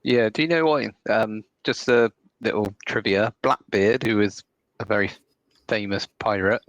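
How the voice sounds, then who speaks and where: A man's voice: lowish voice, unhurried, a bit bright, dry recording, dull audio. A man with an English West Country accent chatting casually as co-host of a gaming podcast, recorded on a phone. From Somerset, England. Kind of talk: casual chat.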